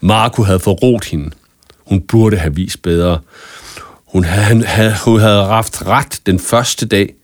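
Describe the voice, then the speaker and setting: Storybook narrator, male, lowish and expressive, dry studio read. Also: no echo. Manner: expressive children's story reading. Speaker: audiobook narrator. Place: studio booth.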